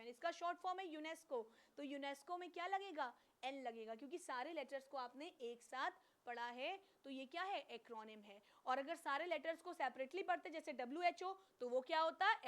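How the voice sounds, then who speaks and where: High-voiced woman teaching an online class. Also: fairly bright tone. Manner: repeats questions and answers them herself, mixes Hindi with English.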